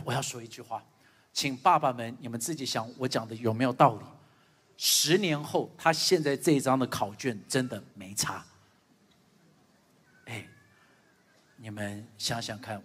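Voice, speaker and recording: Animated high-voiced male pastor preaching. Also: big-room sound. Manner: animated storytelling, acting out family dialogue. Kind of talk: sermon. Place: church stage.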